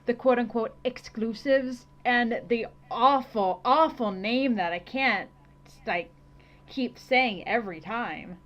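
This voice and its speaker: A woman co-hosting a podcast in casual chat, animated and laughing often. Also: a little high, slow pace. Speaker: podcast co-host. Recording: dull lo-fi recording.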